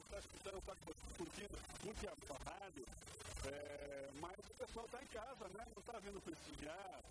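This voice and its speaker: A Brazilian-accented man with a high voice interviews in a casual, slangy way. He rambles and repeats his words, with very loud event noise all around him. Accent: Brazilian Portuguese. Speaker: radio interviewer. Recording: very noisy live event recording.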